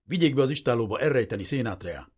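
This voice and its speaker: A husky-voiced man reading an audiobook, voicing a dignified aristocratic prince who speaks in a measured, firm way. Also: mid-range voice, lively intonation, pitched above the performer's own voice. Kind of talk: audiobook character voice.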